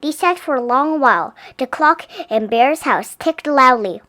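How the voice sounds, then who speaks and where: A woman's voice: sits high, lively intonation, measured pace, sharp tone. A woman reading a picture book aloud expressively for young children. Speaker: storybook reader.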